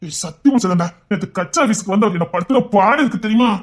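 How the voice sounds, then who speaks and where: A man's voice: high voice, fast talker. A man acting a fed-up young man who grumbles in exasperation about his father-in-law, in casual dramatic dialogue. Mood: grumbling. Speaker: actor in a web drama.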